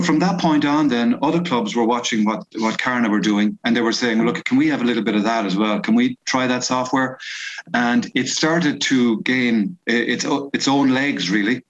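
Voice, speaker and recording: A man's voice: mid-range voice, highs cut off. A middle-aged man with a west of Ireland accent, telling his story informally in an interview. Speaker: company founder being interviewed. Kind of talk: conversational interview answers.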